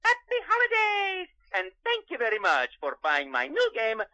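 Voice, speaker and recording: Bubbly Italian plumber mascot with a put-on Italian accent, sing-song and bright, shouting catchphrases. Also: male voice, very high-pitched, wildly swooping pitch, moderate pace, full character voice. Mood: cheerful. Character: cheery Italian plumber hero, bouncy and excitable. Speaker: voice actor in a phone ad.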